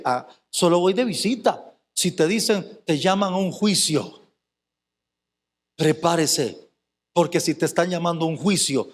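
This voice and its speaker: A man's voice: sits high, in a large hall. A male pastor preaching a fervent sermon, firing rhetorical questions at the congregation.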